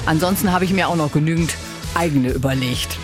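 A woman's voice: low voice, fairly quick, music in the background. A woman radio host asking friendly, conversational questions in an interview. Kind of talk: radio interview and music presenting.

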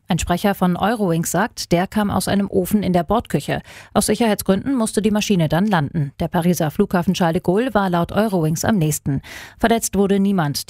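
A woman giving a scripted radio news report in a brisk, factual way. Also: mid-range voice, darkish tone, no echo, clean studio sound.

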